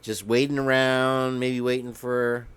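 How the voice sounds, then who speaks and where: A man hosts a casual livestream through headphones with a mic, rambling and joking between bits of guitar playing and singing off-key. His medium-pitched voice is level and unhurried, a bit bright and clean in tone, though it's crackly today.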